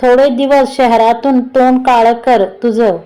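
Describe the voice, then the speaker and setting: Woman reading a contemptuous gangster boss, bossy and curt, mellow high voice. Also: steady tone, unhurried, natural voice, rough recording. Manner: curt, commanding, insulting. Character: gruff, scheming gangster man, contemptuous.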